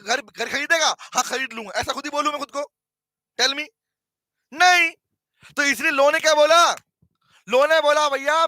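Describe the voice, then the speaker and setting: Indian male teacher, bright and forceful, teasing class lecturer who slows down to dictate key lines. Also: extremely high pitch, dry recording, rough recording. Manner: animated, teasing, calls students by name; repeats key phrases slowly for notes.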